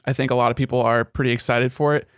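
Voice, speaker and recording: Clear-voiced man chatting about games. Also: mid-range voice, fairly even intonation, no echo, clean studio sound. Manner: eager, quick, running commentary. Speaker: podcast co-host. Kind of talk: casual gaming podcast chat.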